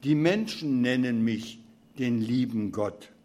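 A man voicing a weepy, helpless old God in a dramatic reading, plaintive, low and subdued. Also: takes it slowly, warm tone, lightly acted.

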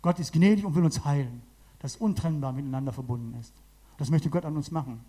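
A man preaching a sermon to a small congregation in a church hall, lively and emphatic, repeating phrases for effect. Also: fairly high pitch, fast talker. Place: church hall with about forty people.

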